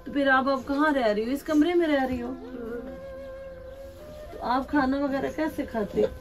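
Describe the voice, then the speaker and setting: A woman hosting an emotional charity vlog, speaking gently and coaxingly as she talks to camera and to young children. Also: high voice, a little slow. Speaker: charity vlogger. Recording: music playing underneath.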